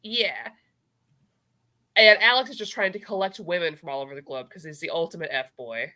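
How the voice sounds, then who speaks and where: A woman's voice: fairly low pitch, normal speed, pushed and bright. A woman chatting casually and gushing as she recaps a comic, often acting out the characters' lines as a co-host. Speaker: co-host of a comic book review show.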